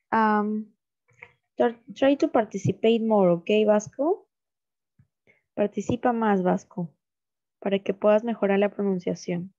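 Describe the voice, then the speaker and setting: A woman teaching an online English class to children, modelling phrases slowly and explaining in Spanish. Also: fairly high pitch, creaky, dark tone. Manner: patient, slow model reading, switches to Spanish to explain. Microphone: video call. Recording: dull lo-fi call audio.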